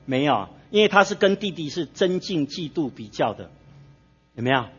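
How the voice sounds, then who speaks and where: A man's voice: on the high side, very animated, normal speed, breathy edge, soft background music. A male pastor preaching a sermon in a church, telling stories and asking the congregation to fill in the blanks. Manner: storytelling with frequent tag particles. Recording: dull lo-fi sermon recording.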